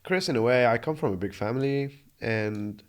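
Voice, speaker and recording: In a relaxed interview in Australia, a twenty-something man from Jordan reflects earnestly on his story, frequently starting over. His voice is smooth and medium-pitched, at a moderate pace.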